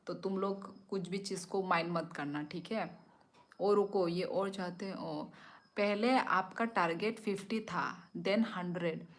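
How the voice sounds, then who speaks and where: A young woman hosting a live stream, chatting casually and teasingly with viewers as she reads their comments, laughing often. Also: mid-range voice. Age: young adult.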